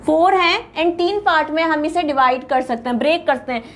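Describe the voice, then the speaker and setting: A woman with an Indian accent teaches grammar in a high, light voice. She is patient, spells out word lists one at a time and repeats them for her students. Faint sounds of writing on a board come through behind her. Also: normal speed. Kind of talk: classroom lecture explaining grammar.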